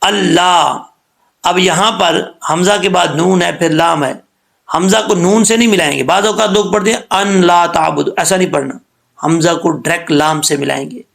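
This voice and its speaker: A man giving a Quran recitation lesson, who explains each rule patiently and slows down to model the sounds. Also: sits high, vocal fry, a bit bright.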